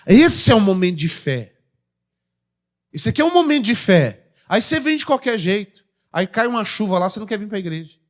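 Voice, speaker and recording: A man with a Brazilian Portuguese accent preaching a sermon in church, calling out to the congregation and swinging between loud declarations and quiet asides. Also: high voice, sing-song, brisk. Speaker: pastor.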